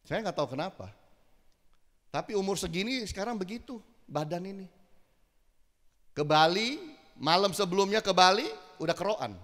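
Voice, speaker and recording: A middle-aged man preaches in a lively, conversational manner, slipping into brief acted exchanges. His voice sits high for a man. Long reverb from a large church hall trails behind his words. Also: normal speed, pauses often. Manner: animated, conversational, acts out quotes. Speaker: pastor. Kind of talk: sermon.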